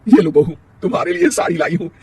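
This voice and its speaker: A man's voice: on the high side, sing-song, fast, a little mellow, husky, recorded from a distance, full character voice. A man voicing a partial, scolding middle-aged stepmother in a storybook tale.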